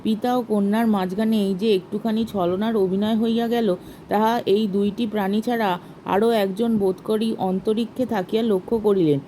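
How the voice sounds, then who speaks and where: A woman's voice: mid-range voice, slight background noise, low-quality recording. Woman reading a classic story aloud. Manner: measured, expressive reading. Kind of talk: literary story narration.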